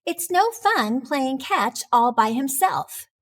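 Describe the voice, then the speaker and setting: A woman whose voice sits high narrates a children's picture book, delivering it deliberately and expressively for a young audience.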